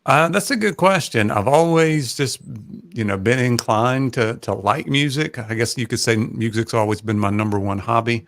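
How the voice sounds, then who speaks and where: Chatting as a livestream guest, a North Carolina man in his 40s who teaches high school math comes across as relaxed and hesitant, with many fillers and frequent pauses. His voice is medium-pitched, gravelly, and soothing. The home podcast mic recording is dry.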